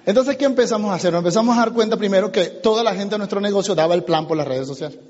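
A man giving an animated motivational seminar talk as a business trainer, addressing the audience and acting out conversations. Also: high-pitched, racing. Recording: muffled lo-fi recording in a reverberant hall.

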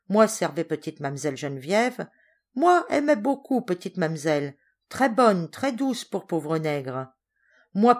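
Woman voicing a big blunt sailor, forties, loud broken pidgin, storybook. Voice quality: broken pidgin French, booming. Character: burly sailor man in his forties, hearty and blunt.

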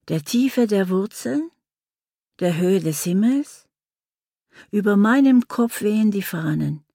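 A woman giving a dramatic poetry recitation in a measured, declamatory way. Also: on the low side, a little mellow, no echo, studio quality. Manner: measured, declamatory delivery with wide swings.

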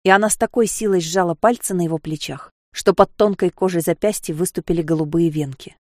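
A woman narrating an audiobook in a measured, expressive reading voice. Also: fairly low pitch, no echo, studio quality.

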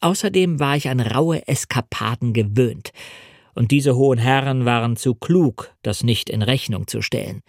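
A man narrating a first-person adventure novel in a measured, clear storytelling manner. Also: medium pitch, no room sound, studio quality. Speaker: audiobook reader.

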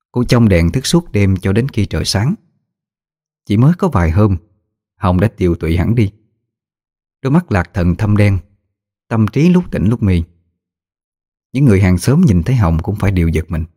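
A man narrating a ghost story in a measured, somber manner. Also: low voice, mellow.

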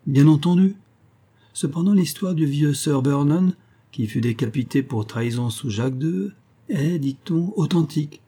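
A man voicing a young melancholy heir of an old castle in a storybook reading, speaking in a pensive, low-voiced way. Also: normal speed, dark tone, slightly rough.

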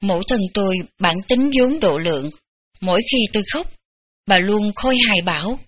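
Female audiobook reader, bright tone, gentle unhurried memoir narration. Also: mid-range voice, expressive. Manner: gentle, unhurried storytelling with light laughs. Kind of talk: memoir read aloud.

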